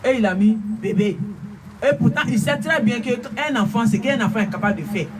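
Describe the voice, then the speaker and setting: A man preaching a spiritual message, speaking slowly and emphatically and repeating hallelujah often. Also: extremely high pitch. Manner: slow, emphatic delivery with frequent hallelujahs. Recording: distant mic with faint room noise.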